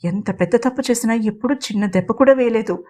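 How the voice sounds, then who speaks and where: A woman's voice: fairly high pitch, fast, warm tone, lightly acted. Woman voicing a remorseful young son. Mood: pleading. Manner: pleading, apologetic.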